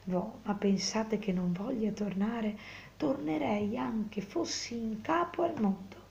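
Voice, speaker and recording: A woman's voice: fairly high pitch, slow, vocal fry, darkish tone, muffled recording. A woman reading aloud, voicing an anxious, devoted young peasant man who pleads in a raised voice. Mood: urgent.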